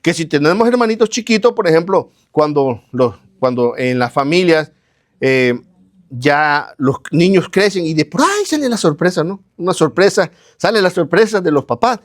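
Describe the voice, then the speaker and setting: A man's voice: a little high, animated, normal speed. A man preaching a sermon, asking questions and answering them himself, repeating phrases in lists, speaking straight to his listeners. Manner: addresses listeners directly.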